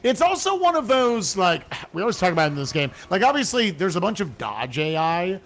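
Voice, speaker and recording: A man hosting a charity livestream, excitable, reading donations aloud and reacting loudly. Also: high-pitched, a little fast, slight background noise. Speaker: charity stream host. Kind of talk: casual livestream chat.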